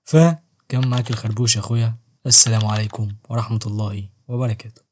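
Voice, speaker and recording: A man's voice: on the low side, level tone, fast, a little mellow, a little hiss or hum. A man with an Egyptian Arabic accent reviewing a novel in a joking, slangy, self-mocking way. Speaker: book reviewer and channel host. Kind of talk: casual book review vlog.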